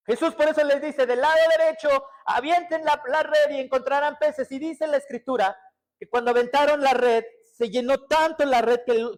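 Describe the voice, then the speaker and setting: High-voiced man preaching a sermon. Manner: emphatic preaching with many rhetorical questions to the congregation; swings between loud urgent stress and hushed intimate passages. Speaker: pastor.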